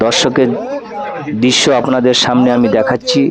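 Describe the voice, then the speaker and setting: Man, live football commentary, even pitch, repetitive phrasing, outdoor crowd noise. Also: moderate pace. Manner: repeats phrases for emphasis. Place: outdoors at a local football ground. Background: spectator crowd.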